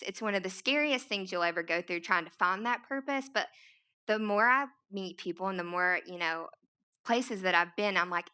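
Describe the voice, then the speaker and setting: A young woman giving a talk to an audience in a large room, telling her own story in a chatty, animated way with many fillers. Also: mid-range voice. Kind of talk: conference talk.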